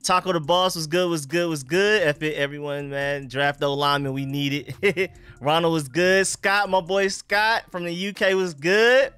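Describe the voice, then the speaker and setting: A man's voice: fairly high pitch, fairly even intonation, moderate pace, sharp tone, smooth, dry recording. A young man hosting a casual sports livestream in slangy, informal talk, his speech slightly impeded by a dental retainer. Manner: informal, slangy, repeats greetings and catchphrases. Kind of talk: casual livestream chat, greeting viewers.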